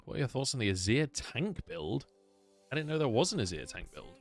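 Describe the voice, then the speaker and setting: A man's voice: medium pitch, big pitch swings, brisk, soft background music. A British man, an esports caster, chatting casually on a stream, swearing freely and answering viewers' questions. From United Kingdom.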